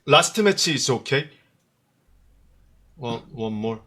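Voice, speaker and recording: Flirty man, halting English. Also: medium pitch, lively intonation, fairly bright tone. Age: 30s. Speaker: guest caller. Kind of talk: casual video call chat.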